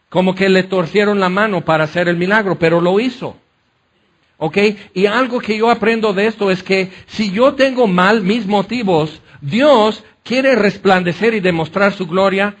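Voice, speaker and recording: A man delivers a conversational sermon in a high-pitched voice. He talks animatedly, acts out the Bible scenes and keeps checking in with his listeners as he goes. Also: fairly bright tone. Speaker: preacher.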